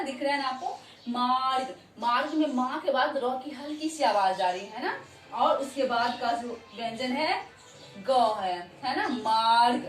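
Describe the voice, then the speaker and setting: A woman teaching a Hindi lesson to children, who repeats words slowly and often checks that they understand. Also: high-pitched. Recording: echoey room, voice from far off.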